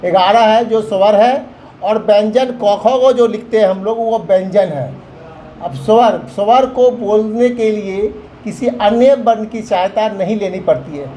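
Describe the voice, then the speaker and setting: Man teacher, high voice, patient step-by-step explaining, faint background hiss. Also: mellow, poor audio. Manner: slow, explaining step by step with examples. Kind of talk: Hindi grammar lesson for children.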